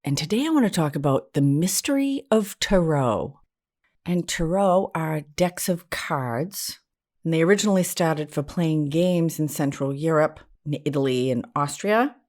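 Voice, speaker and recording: With a low, darkish voice, the American host of a solo podcast talks informally and candidly, often poking fun at herself. She's from New England and works as a therapist and spiritual teacher.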